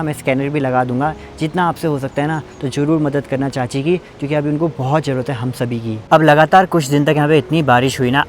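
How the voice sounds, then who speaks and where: A man's voice: mid-range voice, slight background noise. A young man from Uttarakhand, vlogging in a casual, chatty way while walking outdoors in hill country. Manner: chatty, leaning on fillers and loose restarts.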